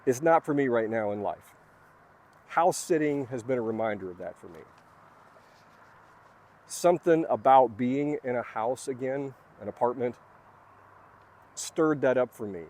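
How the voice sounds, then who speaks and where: A man's voice: mid-range voice, expressive, measured pace, long pauses, darkish tone. A man talking casually from his notes about personal spiritual lessons, earnest and rambling, with fillers and restarts. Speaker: vlogger sharing spiritual lessons. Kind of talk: casual reflective monologue from notes.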